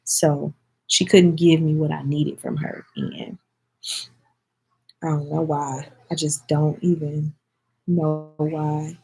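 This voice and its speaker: A woman's voice: deep voice, expressive, slow, creaky, pauses often, warm tone, slightly rough, low-quality recording. A woman, talking heartfelt and teary-eyed to her viewers in a casual vlog chat. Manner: heartfelt, speaks directly to viewers as y'all. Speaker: vlogger answering viewer comments.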